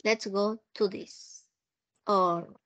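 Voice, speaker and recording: A woman's voice: mid-range voice, fairly even intonation, very slow, a bit bright. A woman with a Peruvian Spanish accent teaching English over a video call, patiently repeating herself and checking that students understand. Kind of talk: online class, mixing Spanish and English.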